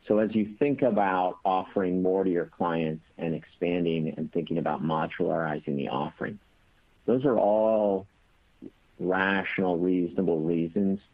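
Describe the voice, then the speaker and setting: A man with a very low voice answers questions on a business conference call. He sounds muffled and boxy, as if he is talking into a trash can. The sound is dry and thin like a phone line, and he talks hesitantly with many fillers and restarts. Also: vocal fry, no echo. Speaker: company executive answering analyst questions.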